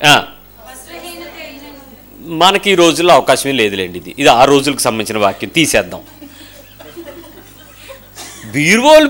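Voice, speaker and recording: A male pastor giving a lively sermon, firing rhetorical questions and acting out voices of the people in his stories. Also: a little high.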